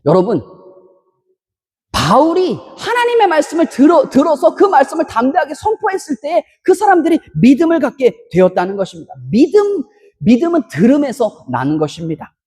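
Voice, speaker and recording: A Korean pastor preaching an emphatic sermon in a church, breaking into loud shouted bursts between storytelling asides. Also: high voice, huge pitch swings, brisk. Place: church sanctuary. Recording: long reverb of a church hall.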